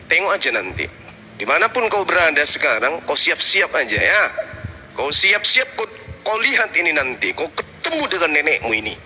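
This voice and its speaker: A man's voice: on the high side, bright, forceful tone, slight background noise. A man, hosting a debate channel and scolding someone in an angry, threatening rant.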